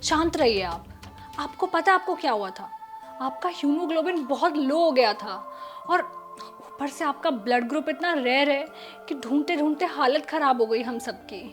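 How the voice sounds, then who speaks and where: An actress playing a kind young daughter-in-law who tries to calm her mother-in-law and defends the maid. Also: high voice, normal speed. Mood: pleading. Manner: soothing, pleading, later indignant. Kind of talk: short film acting. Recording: dialogue with loud background music.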